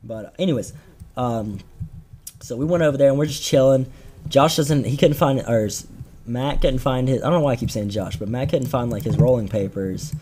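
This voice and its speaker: A man's voice: medium pitch, normal speed, dark tone, a little hiss or hum. A teenage man telling a rambling, slangy story on a casual podcast, with lots of fillers and restarts. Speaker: podcast co-host.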